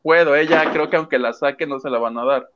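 A man's voice: on the high side, brisk, background noise. A Mexican man co-hosting a casual celebrity gossip chat in a playful, sweary way. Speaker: co-host. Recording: dull lo-fi sound.

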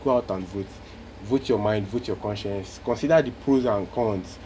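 Nigerian man, low voice, casual podcast talk. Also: moderate pace, a little mellow, slight background noise. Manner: earnest, repeats points for emphasis. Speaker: podcast host.

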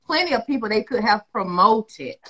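A woman's voice: a little high, lively intonation, moderate pace, sharp tone, husky, lo-fi sound. A woman hosting a casual chat, blunt and emphatic, swearing freely.

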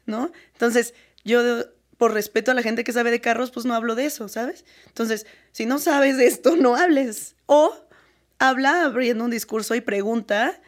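A woman's voice: a little high, moderate pace. A young woman with a Mexican accent, speaking earnestly and with animation as a guest in a casual interview, often breaking into laughter.

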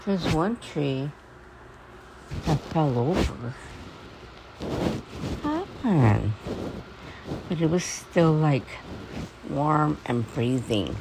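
A woman with toothless, gummy articulation, as if gumming soft food, rambling in a halting, repetitive, confiding monologue. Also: sits low, sing-song, background noise. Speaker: personal podcaster. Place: at home.

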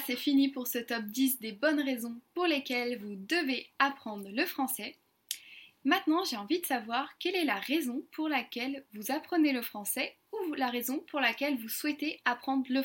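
A woman, host of an online lesson, talking to viewers in a friendly, clear way. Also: sits high, a bit bright. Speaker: French teacher and channel host.

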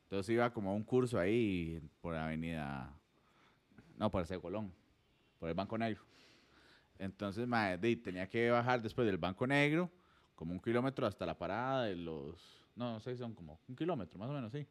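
A man's voice: fairly low pitch, expressive, normal speed. A man with a Costa Rican accent telling an anecdote in casual podcast chat, slangy and acting out the voices of the people in his story.

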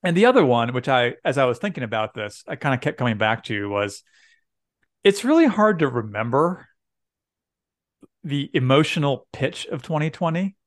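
A man's voice: medium pitch, big pitch swings, normal speed, dry recording, clean studio sound. A middle-aged man, a pastor co-hosting a podcast, talking casually with lots of fillers and easy laughs. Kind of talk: casual chat.

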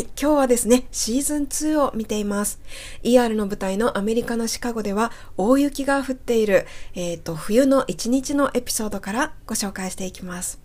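A woman's voice: medium pitch, darkish tone. A woman hosting an English-lesson radio show, explaining phrases patiently and step by step. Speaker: English teacher and host.

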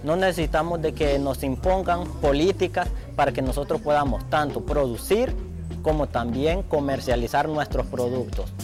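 A man's voice: on the high side, normal speed, music in the background. A man, a farmer delegate, giving an earnest, plain-spoken interview statement.

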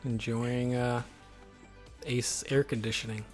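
A man's voice: mid-range voice, level tone, slow, a little mellow, faint music behind. A man talking as a guest on a gaming podcast, dry and stammering. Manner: dry, self-deprecating, stammering. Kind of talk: casual podcast chat.

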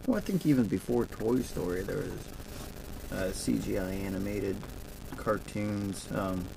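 A man's voice: on the low side, unhurried, vocal fry, noisy background. A man co-hosting a podcast, rambling casually and searching for words with lots of fillers. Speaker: podcast co-host. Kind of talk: casual chat.

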